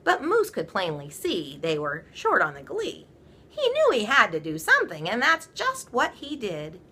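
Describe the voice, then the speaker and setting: A woman reading a children's story aloud, with playful, theatrical emphasis and drawn-out words. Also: mid-range voice, huge pitch swings, pushed and bright, slightly rough. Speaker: storybook reader. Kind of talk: animated children's read-aloud.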